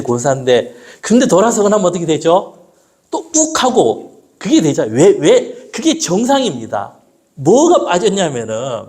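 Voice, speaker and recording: Lively pastor. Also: male voice, fairly high pitch. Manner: lively, asks the congregation questions and answers them himself; slows down when quoting scripture. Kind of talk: sermon.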